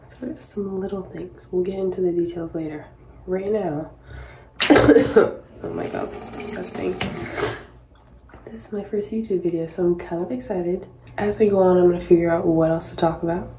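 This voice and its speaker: A woman's voice: fairly low pitch, steady tone, moderate pace, pauses often, dark tone, echoey room, a little hiss or hum, poor audio. A woman in her twenties from Hawaii, chatting casually to camera while getting ready in a small bathroom, with rambling, self-mocking asides. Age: 20s. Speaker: professional tennis player vlogging. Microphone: built-in camera mic, laptop or phone close up.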